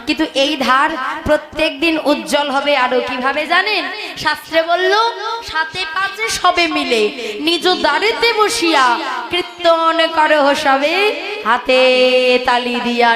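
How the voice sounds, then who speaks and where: A woman kirtan singer and preacher who leads call-and-response chanting at a village gathering and coaxes the crowd with questions. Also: high-pitched. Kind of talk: devotional kirtan singing with preaching. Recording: loud tabla and harmonium music behind.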